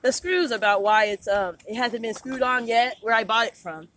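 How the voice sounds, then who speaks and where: With background noise around her, a woman in her car talks into her phone while recording a police stop. Her slightly high voice is animated and at normal speed, but she stammers, rambles nervously, and repeats herself deferentially.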